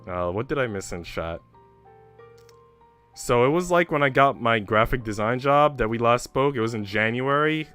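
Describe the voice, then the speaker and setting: Over background music, a livestream host speaks to his viewers in a relaxed, honest, chatty manner, with a bit of casual cursing. His lowish voice is smooth and a little bright.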